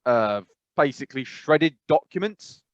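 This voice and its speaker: On a dull, dry lo-fi mic without echo, a man from England speaks a little slowly in a mid-range voice with lively intonation. He's a podcast co-host in a casual chat, hesitant and meandering, restarting sentences, filling gaps, and laughing as he goes.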